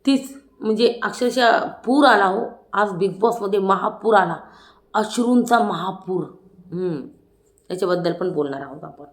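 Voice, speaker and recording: A woman's voice: mid-range voice, a little slow. A woman giving a casual, chatty review of a reality show episode, tossing in tag questions. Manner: chatty, acts out quotes, frequent tag questions. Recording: echoey room.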